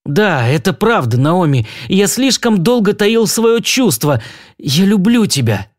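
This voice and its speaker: A man's voice: high-pitched, big pitch swings, measured pace, pitched above the performer's own voice. A man voicing an eager young man desperate to marry, pleading in a breathless torrent of words.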